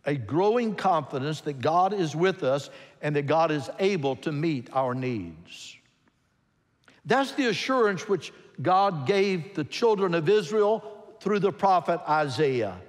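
An older man, a pastor, preaching a sermon from a pulpit in a large church, expressive and emphatic. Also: a little high, unhurried. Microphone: pulpit microphone. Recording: long church hall reverb.

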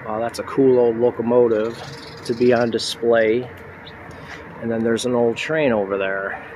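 A man's voice: medium pitch, level tone, a little slow, a little mellow, slight background noise. Chatty man narrating a station walk. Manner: chatty, pointing things out as he walks. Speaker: vlogger. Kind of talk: casual walking tour narration. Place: outdoors at a town train station plaza.

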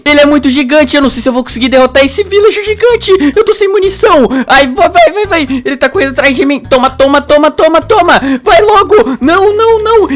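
Excitable young gamer woman. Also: high voice. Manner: excitable, exclaiming. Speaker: gaming host. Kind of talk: excited game roleplay narration.

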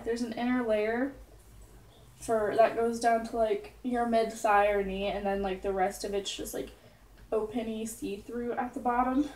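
A woman's voice: on the high side, darkish tone, echoey room, recorded from a distance. A teenage girl vlogging casually from her bedroom, rambling and giggly with lots of asides. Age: teens. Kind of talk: casual chatty vlog.

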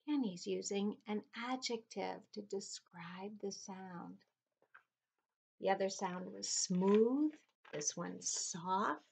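A woman's voice: medium pitch, vocal fry, darkish tone, breathy edge. Patient, encouraging woman teacher. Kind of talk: reading a storybook aloud and giving instructions.

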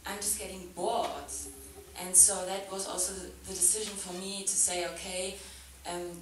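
In a very echoey hall, a German woman with a lowish voice gives a casual artist's talk as a festival guest, seated on a sofa on a theatre stage before an audience and holding a mic. Thoughtful and quick to laugh, she peppers her speech with "like" and "um." She's far from the camera, with a little hiss or hum in the recording.

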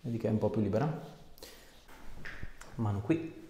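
Lowish and mellow at a normal speed, a male chiropractor gives his patient brief, reassuring, informal instructions. A camera a short way off captures him in a small indoor treatment room, and the audio echoes and picks up background noise.

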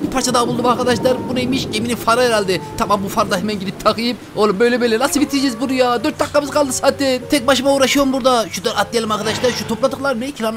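A man narrating his gameplay to viewers in an excited let's-play style, exclaiming often. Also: extremely high pitch. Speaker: gaming video host.

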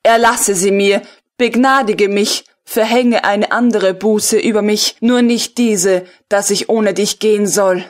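A woman's voice: medium pitch, steady tone, a little slow, close to an everyday voice. A woman reading an audiobook voices a reckless, infatuated young man who pleads feverishly, close to her own voice. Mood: pleading.

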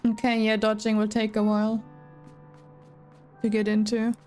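A woman's voice: mid-range voice, monotone, normal speed, darkish tone. A woman, chatting casually to her viewers while playing a game. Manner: chatty, talks to chat. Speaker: streamer. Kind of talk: casual gameplay commentary. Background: game music.

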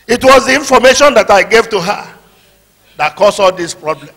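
A man's voice: sits high, expressive, moderate pace, fairly bright tone, exaggerated voice. An actor playing a desperate, jobless husband and father who begs and exclaims in a stage drama. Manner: begging, exclaiming, then domineering. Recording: stage hall reverb.

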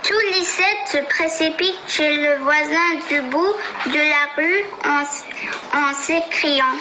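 Very high-voiced woman narrating a children's story. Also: takes it slowly. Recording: roomy recording with faint noise.

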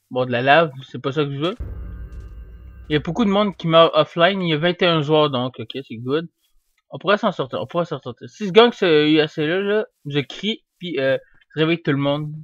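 Brief: young gamer, fairly high voice, rambling play-by-play, dull dry desk mic. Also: male voice, no room sound. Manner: rambling, easily excited, yells at the game. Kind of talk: casual gameplay commentary. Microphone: desk microphone.

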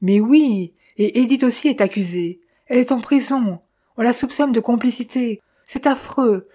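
A woman's voice: a little high, moderate pace, warm tone, husky. A woman voicing Austin, a stern man pressing his brother to confess, who talks in an insistent, questioning way.

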